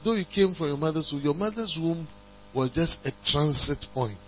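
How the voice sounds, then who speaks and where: A man preaching a sermon, calling on the congregation to respond and building to emphatic high passages. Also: animated, normal speed, a bit bright, husky. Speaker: pastor. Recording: dull lo-fi recording with mains hum.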